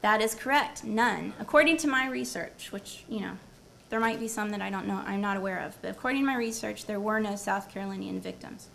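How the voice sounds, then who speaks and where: Gravelly-voiced woman giving an academic talk. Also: medium pitch, brisk, fairly bright tone, slight background noise. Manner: engaging, quizzes the audience and repeats their answers. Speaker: university professor presenting at a symposium. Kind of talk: academic presentation with audience quiz. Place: lecture room before a live audience.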